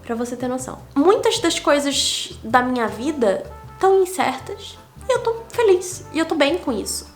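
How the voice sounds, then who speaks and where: A young Brazilian woman, a digital nomad vlogger, speaks with a Brazilian Portuguese accent in a high, fairly bright voice. Her casual vlog is a candid, reflective monologue in which she counts off numbered lessons.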